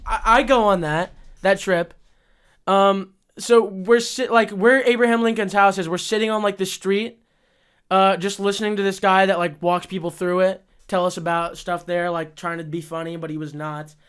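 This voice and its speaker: High-voiced young man, crude and laughing. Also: fairly even intonation, normal speed, fairly bright tone, clear, resonant tone. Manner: crude, laughing, rambling storyteller. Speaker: podcast host. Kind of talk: casual chat.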